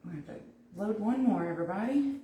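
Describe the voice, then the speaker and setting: Speaking quickly and expressively in a mid-range voice, a North Carolina woman with a Southern accent leads a live craft tutorial, giving viewers step-by-step instructions as she chats with them. The audio is reverberant and dull.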